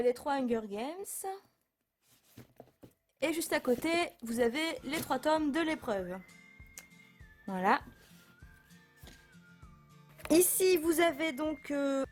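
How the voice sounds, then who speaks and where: A young woman with a fairly high voice talks through her bookshelf at home in a relaxed, chatty vlog. She hesitates often, backs up and corrects herself. Soft music plays faintly behind her. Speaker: book vlogger. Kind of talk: casual bookshelf tour vlog.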